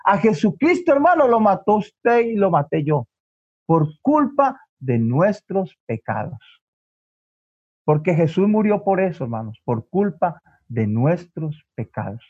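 A man preaches in a high, earnest voice and often calls out to his congregation. His volume drops sharply for emphasis. The sound is dull and lo-fi, like an old church recording. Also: big pitch swings, measured pace, a little mellow, husky. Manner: earnest, repeatedly addresses the brethren, dramatic drops in volume. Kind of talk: sermon storytelling.

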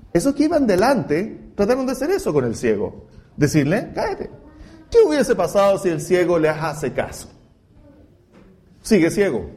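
Pastor guy preaching, high lively voice, mellow tone, goes loud then hushed. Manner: preaching, swinging between loud cries and hushed asides; acts out quoted voices within the sermon. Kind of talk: sermon.

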